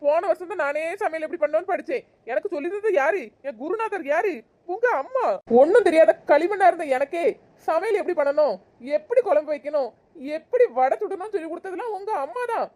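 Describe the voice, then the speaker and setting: A scheming young cartoon wife who exclaims loudly and melodramatically, played by a woman. Her voice sits extremely high. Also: animated, a little fast. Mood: dramatic. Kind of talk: cartoon voice acting.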